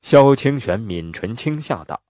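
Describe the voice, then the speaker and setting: A man narrating an audiobook in an expressive, lively storytelling manner on a close mic. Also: mid-range voice, a little slow, no echo.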